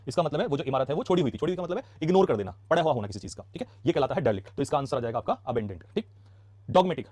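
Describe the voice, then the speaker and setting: A man with an Indian accent teaching English vocabulary in a casual classroom style, asking quick questions and answering them himself. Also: on the high side, a little mellow, no room sound. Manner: rapid, chatty, asks quick questions then answers them. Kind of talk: casual classroom lesson explaining words.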